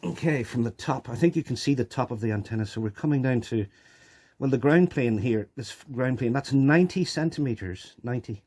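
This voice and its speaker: A video presenter walks through his radio collection in an unscripted, hands-on demo recorded on a handheld phone, explaining things casually and going over key points more than once. His voice sits at medium pitch with a darkish tone, and he talks a little fast.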